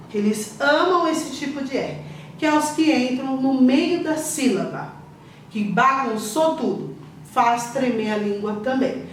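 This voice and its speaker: A woman teacher, explaining letters and syllables to parents in a slow, patient way and checking in often. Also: a little high, darkish tone. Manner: slow, patient, repeats syllables and asks "tudo bem?". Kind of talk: literacy lesson for parents. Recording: echoey room, voice from a distance, faint hiss.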